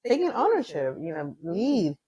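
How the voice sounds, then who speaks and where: A woman in her thirties co-hosting a casual podcast chat, telling stories with lively mimicry. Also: fairly low pitch, moderate pace, slightly rough. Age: 30s. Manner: animated storyteller, mimics voices. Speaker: podcast co-host.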